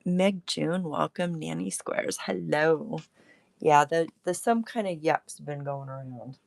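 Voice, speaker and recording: In a casual live crafting stream from her home crafting space, a deep-voiced woman talks slowly, her throat gravelly since she's still recovering from illness. She chats away and greets viewers while showing her work.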